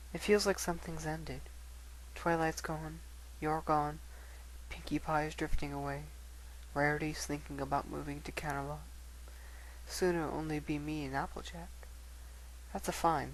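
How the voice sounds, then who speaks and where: Gentle, sad young female pony played by a man, hushed and hesitant dramatic letter reading. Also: fairly high pitch, slight background noise, rough recording. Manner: soft, hesitant, wistful. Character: timid, sorrowful female pony writing to a friend.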